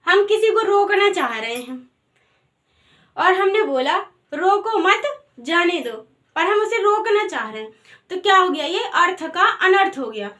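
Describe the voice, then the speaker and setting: A woman's voice: extremely high pitch, pushed and bright. A woman teaching a grammar lesson in a patient way, asking the class questions and answering them herself.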